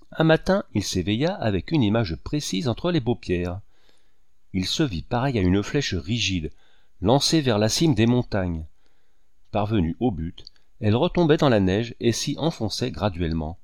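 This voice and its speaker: A man narrating a novel in a measured, expressive literary reading. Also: on the low side, no echo, studio quality. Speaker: audiobook narrator.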